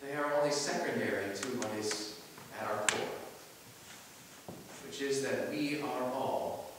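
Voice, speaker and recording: A man, a pastor, preaching a measured sermon that swells on key phrases and falls soft at the ends of lines. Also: mid-range voice. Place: large church sanctuary. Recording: echoey church from far off, faint hiss.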